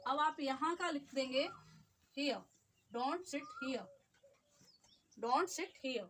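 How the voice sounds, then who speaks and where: Woman teacher, high voice, patient step-by-step explaining, faint background noise. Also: lively intonation, a bit bright. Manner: explains step by step, repeats phrases slowly. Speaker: English teacher. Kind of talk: spoken English lesson.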